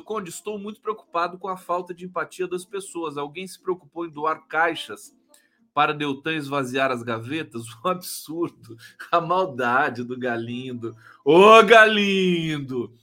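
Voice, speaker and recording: A man with a Brazilian Portuguese accent hosting a live stream, gleefully reading viewer comments in an excitable, chatty way. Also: high voice. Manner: gleeful and excitable, breaks into shouts and laughs.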